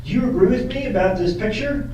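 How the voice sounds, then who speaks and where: Another man voices the dogged lawyer in the puppet courtroom scene, working through transcript questioning with methodical, pressing leading questions. He sounds very high-pitched and fast with a darkish tone, captured distantly in an echoey space with a little noise.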